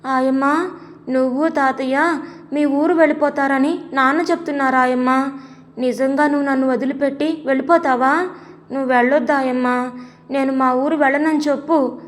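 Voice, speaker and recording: A woman's voice: high-pitched, steady tone, moderate pace, lightly acted. A woman voicing a little girl in a storybook, with whiny, crying pleas. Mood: tearful pleading. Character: little girl, tearful and pleading. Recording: long echoey reverb.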